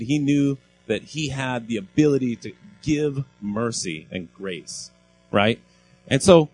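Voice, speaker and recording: Lively, animated male preacher. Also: medium pitch, slightly rough, poor audio. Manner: animated and informal, with frequent restarts and asides to the congregation. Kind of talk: conversational sermon.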